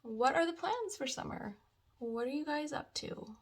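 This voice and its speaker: A woman's voice: high voice, lively intonation, moderate pace. A young woman chatting casually through a makeup tutorial, gushing about products with lots of fillers. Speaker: beauty vlogger.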